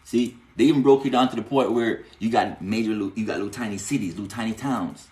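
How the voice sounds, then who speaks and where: This man speaks quickly in a lowish, darkish voice, with reverberation around him. He's answering viewers on a live stream while teaching spiritual lore in a casual way, tossing in "you know what I'm saying" and breaking into emphatic bursts.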